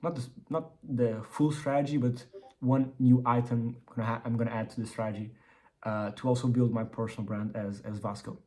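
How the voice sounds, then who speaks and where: Mellow-voiced man speaking with braces. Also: medium pitch, fairly even intonation, a little fast. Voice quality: slightly impeded articulation from wearing braces. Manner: rambling, repeats and restarts words. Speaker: entrepreneur vlogger. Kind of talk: casual business update vlog.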